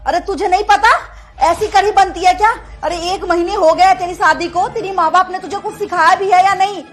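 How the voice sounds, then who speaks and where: A woman playing a loud scolding mother-in-law. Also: very high-pitched, fairly quick, soft background music. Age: 50s. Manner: scolding, loud, sharp-tongued. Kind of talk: family drama acting.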